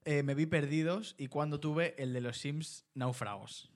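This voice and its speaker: A man with a Spanish accent co-hosting a casual podcast, talking in excitable, rambling bursts. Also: a little high, moderate pace. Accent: Spanish from Spain. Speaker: podcast co-host. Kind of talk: casual chat.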